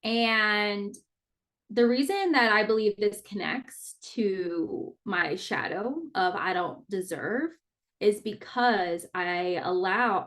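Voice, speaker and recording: A woman in her thirties hosts her own podcast in a mid-range, slightly bright voice. Her casual, personal monologue is earnest and open, dotted with everyday fillers and the occasional mild swear.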